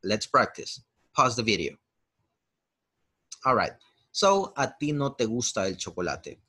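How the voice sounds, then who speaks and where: A man's voice: medium pitch, big pitch swings, measured pace, pushed and bright, slightly rough. A man whose first language is Spanish, teaching English grammar as a chatty, encouraging video host. He switches between Spanish and English and drills example sentences. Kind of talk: lesson.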